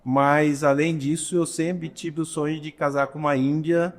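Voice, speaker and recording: Unhurried storytelling Brazilian man. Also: on the high side, level tone. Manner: unhurried storyteller, pauses often to find words. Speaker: guest, restaurant entrepreneur. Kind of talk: casual interview talk.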